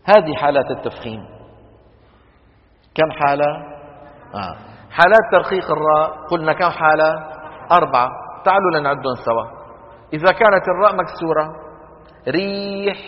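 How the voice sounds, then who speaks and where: A man teaching Quran recitation rules to a class, quizzing students with quick questions and chanting the examples slowly. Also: fairly high pitch, lively intonation. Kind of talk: classroom lesson on tajweed rules. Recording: dull lo-fi recording with long hall reverb.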